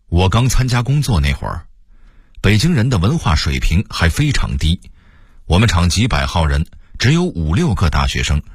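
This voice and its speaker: Older Beijing man, radio storyteller, lively intonation, chatty. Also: low-pitched, husky, dry recording, studio quality.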